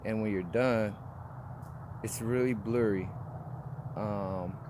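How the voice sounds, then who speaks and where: Vlogger, man in his forties, low voice, loose rambling delivery, street noise behind. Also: steady tone, takes it slowly. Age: 40s. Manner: rambling, with frequent restarts and fillers. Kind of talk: casual personal review.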